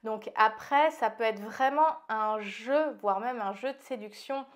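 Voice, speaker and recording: A woman with a fairly high voice speaks informally to her viewers as an advice host. Her s sounds carry a slight slushy lisp. She is direct and conversational, leaning on key words to make her points. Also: a little slow. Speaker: host of an intimacy advice channel. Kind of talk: informal advice talk to camera.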